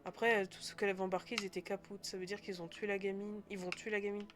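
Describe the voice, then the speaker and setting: A woman's voice: medium pitch, level tone, fast talker, music in the background. A woman giving casual, sarcastic let's-play commentary, swearing and laughing as she plays. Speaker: gaming streamer.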